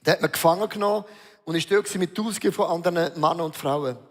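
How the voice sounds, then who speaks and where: Male pastor with a high, emphatic preaching voice, heard with long reverb in a large church hall. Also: very fast. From Switzerland. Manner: emphatic, storytelling, mixing in English words. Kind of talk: sermon.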